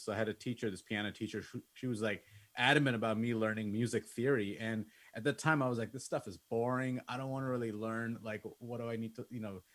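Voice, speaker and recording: Medium-pitched and a bit bright, this man's voice carries a relaxed, conversational autobiographical talk. He's a musician and music producer from Bangladesh leading a masterclass for an online class, speaking indoors over a video call and often saying "like" and "you know."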